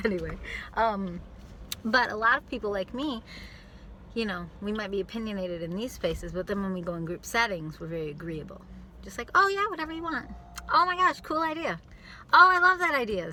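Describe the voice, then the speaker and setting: A woman's voice: medium pitch, pushed and bright, a little hiss or hum. A woman songwriter talking to her camera in a car, rambling and playful, often stopping to rethink what she means. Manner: chatty, self-interrupting, playful. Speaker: songwriter vlogger. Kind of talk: rambling reflective monologue. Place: in a parked car.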